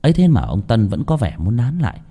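A man narrating a ghost story in an expressive, lively reading voice. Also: medium pitch, fast talker.

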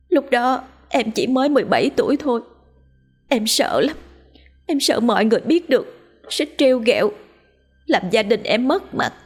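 A woman's voice: high voice, slightly rough, voice pushed up, heavily acted. A woman voicing a remorseful young wife who pleads through tears in a ghost story. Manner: tearful, begging.

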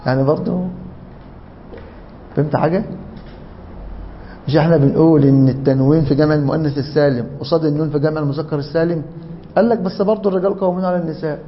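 Quick high-voiced Egyptian teacher. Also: male voice, highs cut off, slight background noise. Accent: Egyptian Arabic. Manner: animated, jokey, asks the class questions. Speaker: teacher of Arabic grammar. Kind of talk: lively classroom grammar lesson.

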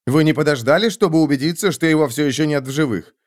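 A man's voice: on the high side, fast, pitched above the performer's own voice, natural voice. A man voicing a young swordsman in an audiobook, asking pointed, accusing questions.

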